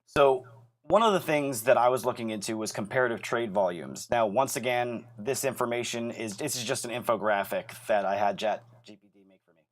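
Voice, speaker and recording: A man co-hosting a casual podcast in a middle-pitched voice. He explains his points steadily and keeps his humor dry. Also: fairly quick. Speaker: podcast co-host.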